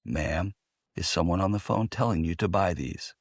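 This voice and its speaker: A man voicing a kind young male cashier who speaks in a gentle, quiet, concerned way. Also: sits low, normal speed, husky, no room sound, studio quality.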